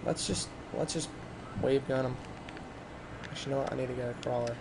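A man giving casual, rambling gameplay commentary, chatting excitably to his viewers. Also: medium pitch, brisk, gravelly, noisy background.

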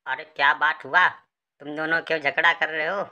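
A woman's voice: low voice, fairly even intonation, brisk, muffled recording, very noisy, lightly acted. A woman voicing a grumbling, broke middle-aged husband in a comic skit.

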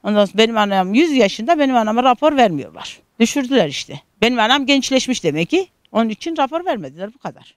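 A woman's voice: a little high, big pitch swings, fast, no room sound, studio quality. A middle-aged woman from Turkey telling a news interviewer about her struggles, in an aggrieved, repetitive storytelling manner full of reported speech. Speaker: interviewee, caregiving daughter.

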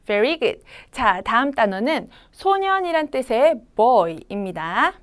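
Young Korean woman, children's pronunciation teacher; smooth, clear tone, very slow and deliberate delivery. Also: on the high side, very animated. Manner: slow, drawn-out modeling of sounds for kids to repeat. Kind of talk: children's phonics lesson.

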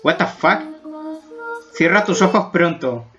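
A man's voice: fairly high pitch, expressive, takes it slowly. A man from Spain doing a casual video reaction, joking and exaggerating as he gets spooked, on a dull lo-fi recording. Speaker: YouTube reactor.

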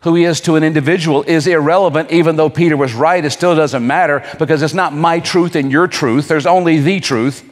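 A man preaching a sermon, asking the crowd rhetorical questions and leaving dramatic pauses. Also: on the high side, steady tone, long reverb tail. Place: church hall.

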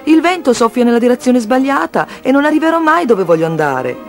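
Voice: high-pitched, sing-song, a little fast, faint music behind, pitched above the performer's own voice. A reader voicing an old-fashioned male balloon explorer, plaintive and pleading.

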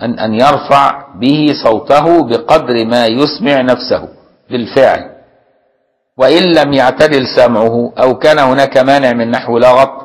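An Egyptian man teaching a religious lesson in a mid-pitched voice. He moves between reading a classical legal text and plain colloquial explanation. He often stops to ask his listeners if they have followed. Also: normal speed, low-quality recording. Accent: Egyptian Arabic. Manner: reads a classical text, then glosses it in colloquial speech. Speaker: Islamic jurisprudence teacher.

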